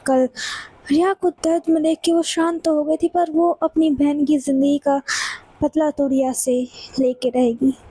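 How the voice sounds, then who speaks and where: A woman narrating a romance audio story in a plain, even storytelling manner. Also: sits high, a little slow, no echo, poor audio.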